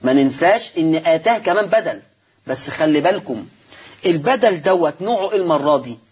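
Expressive and quick, a man with a slightly high, somewhat mellow, husky voice and an Egyptian Arabic accent gives a televised lesson on Quran recitation rules. He works through them step by step, answering his own questions and repeating the key terms.

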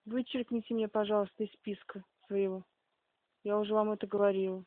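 A woman's voice: mid-range voice, level tone, fairly quick, no room sound. Defiant woman on a tinny phone line. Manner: blunt, defiant, taunting. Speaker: debtor answering collection calls. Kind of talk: combative phone conversation. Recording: narrow muffled phone-band sound.

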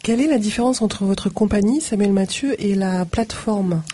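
A woman with a mellow, slightly husky voice hosts a radio studio interview. She opens with a poised, scripted introduction and then puts her questions to the guest calmly. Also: mid-range voice, moderate pace. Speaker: radio host.

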